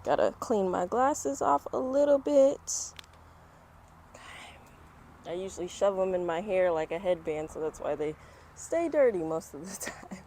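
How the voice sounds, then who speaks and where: Outdoors on a fall day, a woman reads a children's picture book aloud, adding chatty, encouraging asides for young viewers. Her mid-range voice is warm, expressive and a little slow, with outdoor ambience and passing traffic in the background.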